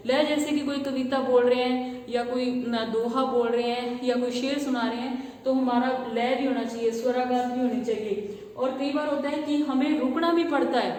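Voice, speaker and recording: A woman teaching a classroom lecture, asking and answering her own questions and repeating terms slowly as she writes on the board. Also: high voice, darkish tone, slight background noise. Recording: echoey classroom from far off, faint ambience.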